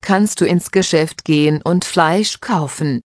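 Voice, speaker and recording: Curious girl asking questions, read by a woman, slow, slightly low. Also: a little mellow, no echo, clean studio sound. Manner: questioning, plain.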